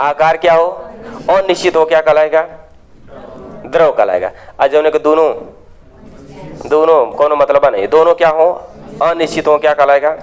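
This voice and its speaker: Call-and-response chemistry teacher. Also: male voice. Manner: call-and-response questioning, drops low to answer himself. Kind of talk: classroom lecture.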